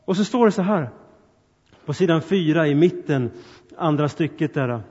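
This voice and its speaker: Higher-voiced man preaching in a reverberant hall. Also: lively intonation, darkish tone, slightly rough. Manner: earnest, addresses the congregation directly with questions and appeals. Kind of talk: sermon. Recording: long reverb, dull sound.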